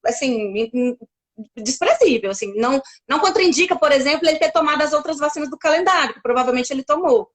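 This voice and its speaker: A woman's voice: sits high, lively intonation, fast talker. A woman from Brazil, a pediatric doctor, explaining things carefully in a casual interview, with many fillers and restarts.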